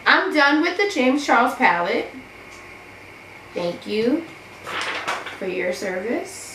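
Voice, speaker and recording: A woman's voice: on the high side, sing-song, slow. Chatty young woman, echoey room. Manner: chatty, self-deprecating, rambling with many fillers. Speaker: beauty vlogger. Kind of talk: casual get-ready-with-me chat. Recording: echoey room with background noise.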